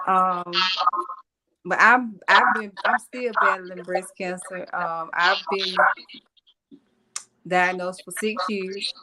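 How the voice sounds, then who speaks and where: A woman guest telling her story on a video call, earnest and halting with many pauses. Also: mid-range voice, pushed and bright, slight background noise. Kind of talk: personal story on a podcast.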